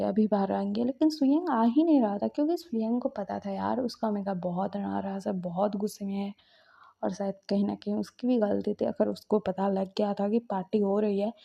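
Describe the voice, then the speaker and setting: A woman's voice: mid-range voice, creaky, mellow, husky. A woman casually narrating a fan-fiction romance in a chatty way, full of conversational fillers. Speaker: storyteller. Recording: dull lo-fi recording.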